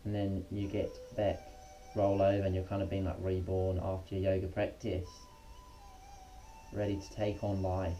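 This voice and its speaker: Male yoga instructor, very mellow dark tone, informal and unpolished guided session, muffled recording with faint music behind. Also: low voice, completely flat delivery, normal speed. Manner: laid-back, informal and slangy, unpolished. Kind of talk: casual guided yoga lesson. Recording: muffled, dull lo-fi sound.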